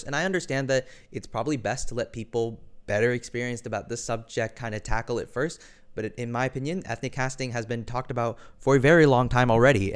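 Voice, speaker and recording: An online video commentator delivers an opinion monologue in a measured way, hedging his points with frequent personal qualifiers. His voice is medium-pitched and smooth.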